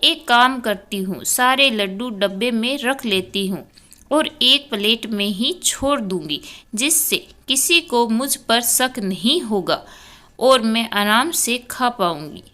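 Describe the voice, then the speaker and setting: A woman's voice: fairly high pitch, lively intonation, slow, bright, forceful tone, exaggerated voice. A woman voicing a sly, greedy young daughter-in-law. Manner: sly, scheming.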